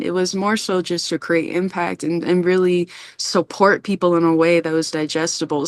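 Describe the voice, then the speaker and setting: A woman filmmaker being interviewed, talking in an earnest, expressive way about her work. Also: lowish voice, dry recording. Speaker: filmmaker guest. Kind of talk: interview conversation.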